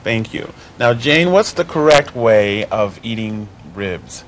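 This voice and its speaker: A man's voice: fairly low pitch, expressive, slow, a little hiss or hum. A man hosting a local TV show, chatting casually with guests and laughing easily. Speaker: host. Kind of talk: casual TV interview.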